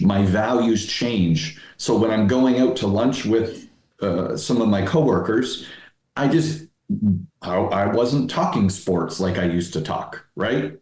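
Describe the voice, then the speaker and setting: Casual interview guest: a low-pitched man who stops and restarts often. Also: darkish tone, reverberant. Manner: halting, many fillers and restarts. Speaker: guest, dads' coach.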